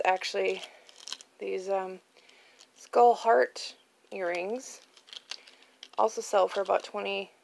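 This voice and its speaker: A craft channel host previews auction items in a casual show-and-tell, her mid-range voice gravelly, with a little hiss or hum on the handheld phone recording. Seated at a card table indoors at home, she talks informally and tentatively, thinking aloud as she goes.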